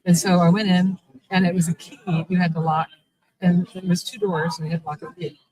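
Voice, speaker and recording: On a low-quality recording, a middle-aged woman with a fairly low, a little mellow voice tells a lengthy story a bit quickly and with flat delivery. She's the vampire shop owner guesting at a convention's live interview, chatting casually, rambling and restarting often.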